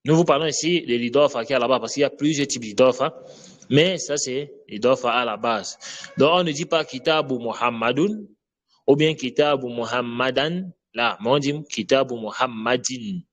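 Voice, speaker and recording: A man teaching an Arabic grammar lesson in French, drilling vocabulary and often checking with "d'accord?". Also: mid-range voice. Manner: slow, drills Arabic words, repeats "d'accord?".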